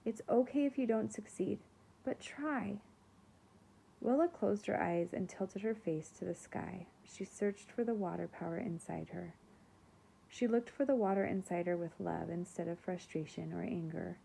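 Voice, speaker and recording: A woman teacher reading a children's chapter book aloud in a calm, expressive narrating voice. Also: fairly low pitch, normal speed, vocal fry, slightly rough, poor audio. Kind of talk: storybook read-aloud.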